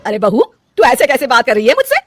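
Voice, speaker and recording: A woman voicing a middle-aged mother-in-law who talks in a loud, commanding way. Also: on the high side, sing-song, fairly quick, faint music behind. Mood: bossy.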